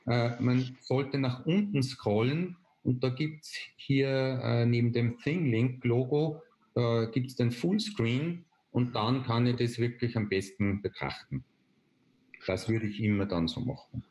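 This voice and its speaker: A man, explaining a software tool step by step on a video call, with frequent hesitation fillers. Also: mid-range voice, a little slow, muffled recording. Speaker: presenter. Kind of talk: online webinar demonstration. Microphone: video call webcam.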